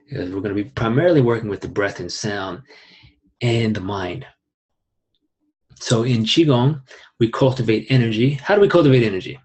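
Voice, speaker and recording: A young man teaching an online qigong class in a calm, unhurried way, with rising emphasis and soft asides. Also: fairly low pitch, husky.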